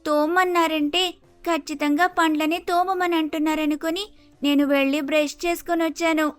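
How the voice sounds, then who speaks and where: In a story cartoon, a woman voices a polite, naive young daughter-in-law with an Andhra Telugu accent, sounding hesitant, deferential, innocent, and easily confused. Her high voice keeps a level tone at normal speed, lightly acted, with faint music in the background.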